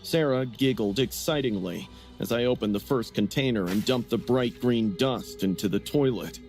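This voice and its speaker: A man narrating a first-person story in a scripted, even telling. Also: medium pitch, normal speed. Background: music.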